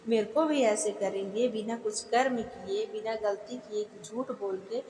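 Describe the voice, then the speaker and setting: A woman retelling a devotional folk tale in a homely, chatty way, often pausing on fillers and restarting her sentences. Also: medium pitch, fairly bright tone, a little hiss or hum. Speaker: devotional storyteller. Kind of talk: casual folk-tale narration. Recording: echoey room with long reverb.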